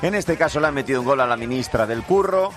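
A man's voice: medium pitch, lively intonation, fast, soft background music. A man from Spain delivering an ironic comic segment on a radio show. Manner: ironic, punchy. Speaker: radio contributor.

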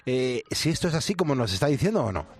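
A man from hosting a late-night radio show, lively and quick to laugh. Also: mid-range voice, husky. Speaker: radio host.

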